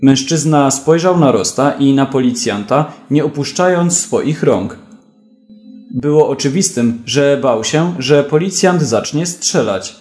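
A man reading a thriller audiobook in a measured, even way. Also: medium pitch, reverberant, faint music behind. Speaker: narrator. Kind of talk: audiobook narration.

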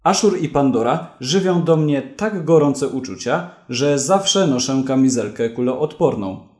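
A mocking, self-satisfied crook, once a polished bank manager, read by a man. The lines come slowly and deliberately. They sit in a roomy, echoing space. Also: medium pitch, expressive, darkish tone, close to an everyday voice. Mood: smug. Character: smug male ex-bank manager turned crook. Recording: roomy echo.

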